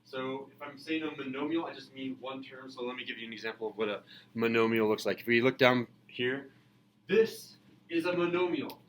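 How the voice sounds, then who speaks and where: A man's voice: medium pitch, brisk, a bit bright, a little hiss or hum. A man teaching a math lesson to a class, asking questions and calling on students. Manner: calls on students, asks questions. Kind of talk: classroom lecture.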